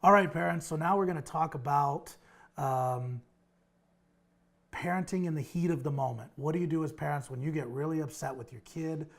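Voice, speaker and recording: A man's voice: a little high, normal speed, creaky. A male child behavior clinician hosting a parenting advice show, speaking straight to parents and explaining a strategy step by step. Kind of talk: direct-to-camera parenting advice talk.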